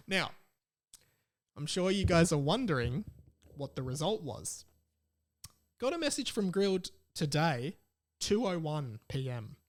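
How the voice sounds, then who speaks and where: Spinning stories with playful, mock-dramatic animation, this Australian man chats casually as a solo podcast host, his pitch fairly high.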